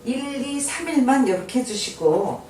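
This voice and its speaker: An older woman teaches English with patient care, drawing every phrase out slowly before she explains it. Her fairly high voice rises and falls in a lively way. She sounds far from the mic in an echoey room, with a faint hiss behind her. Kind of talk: slow spoken English lesson.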